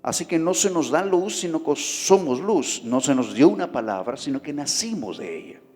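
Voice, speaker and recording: A pastor's voice, on the high side and a little mellow, moves at a moderate pace with big pitch swings as he preaches. Speaking conversationally, he frequently puts questions to the congregation, while the reverberant church hall carries faint background music.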